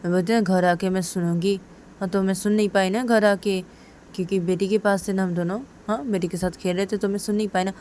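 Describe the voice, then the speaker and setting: A woman's voice: mid-range voice, fairly even intonation, a little fast, warm tone, a little hiss or hum, close to an everyday voice. A woman voicing an anxious young woman who keeps coaxing her crying partner with repeated questions. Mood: insistent.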